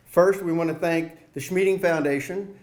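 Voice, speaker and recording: A man's voice: on the high side, fairly even intonation, moderate pace. A man with a Mississippi accent casually co-hosting a live charity event. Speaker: co-host of a charity fundraiser. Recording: roomy echo.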